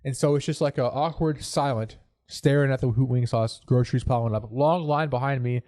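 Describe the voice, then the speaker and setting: A podcast host, congested and stuffed-up from a cold, chats casually and tells an anecdote from his living room corner home studio. His mid-range voice has a dark tone and normal pace, captured in a dry recording with clean studio sound.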